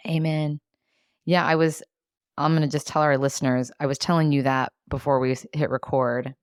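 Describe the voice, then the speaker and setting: A woman's voice: low voice, level tone, normal speed, dry recording, studio quality. A woman in her forties hosting a podcast, enthusiastic and affirming toward her guest. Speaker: podcast host. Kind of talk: casual podcast conversation.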